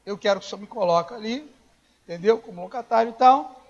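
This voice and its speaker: A high-pitched man preaches a conversational sermon in a church, telling stories and acting out the dialogue. He rises to shouts at times, and the recording sounds dull and lo-fi. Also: fast talker. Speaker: pastor.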